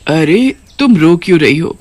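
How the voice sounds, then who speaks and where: A calm, commanding queen of witches in a cartoon story, as a woman reader voices her. She speaks evenly in a slightly lower register. The recording is dry and close. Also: a little slow, no room sound. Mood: regal. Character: kindly witch queen granting boons.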